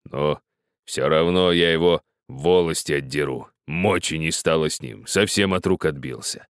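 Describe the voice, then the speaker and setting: A man voicing a pious old peasant miner who speaks slowly and gravely, preaching and pleading in an older man's voice. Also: extremely low pitch, no echo, clean studio sound, voice pushed down. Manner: slow, grave, moralizing.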